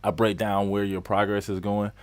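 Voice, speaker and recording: A man's voice: lowish voice, flat delivery, moderate pace, no echo. A man in his late twenties hosting a casual live-stream Q&A as a skate coach, chatty and repeating phrases for emphasis as he greets viewers. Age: 20s. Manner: greets viewers by name mid-flow.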